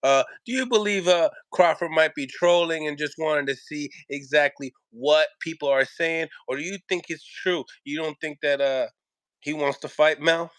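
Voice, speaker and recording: A man's voice: on the high side, normal speed, a bit bright, no room sound. Man hosting a casual boxing-style reaction chat, dry sound. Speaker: host asking questions. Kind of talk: casual sports reaction talk show.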